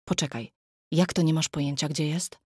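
Lady doing a frank young friend, quick and blunt, bit higher than her narration. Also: fairly even intonation, a little mellow, slightly rough, no echo, studio quality. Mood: surprised. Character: young adult woman, brisk, frank best friend.

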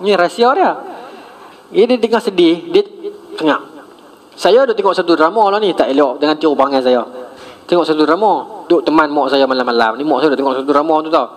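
A man's voice: on the high side, a little fast. A middle-aged man giving a mosque lecture, telling stories animatedly and addressing the congregation directly. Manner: animated storytelling, addresses audience as tuan-tuan. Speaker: religious lecturer.

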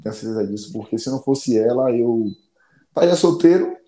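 A man's voice: medium pitch, lively intonation, fairly quick, mellow, reverberant. A man, an MMA fighter telling stories in a casual interview, rambling and repeating phrases.

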